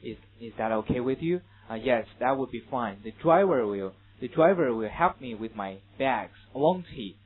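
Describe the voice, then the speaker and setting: A man's voice: medium pitch, lively intonation, moderate pace, few pauses, husky. A Chinese-speaking man teaching English pronunciation in a lecture, asking questions and answering them himself. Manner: drills pronunciation, asks and answers own questions. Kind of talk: classroom lecture. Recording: tinny phone-like lecture recording.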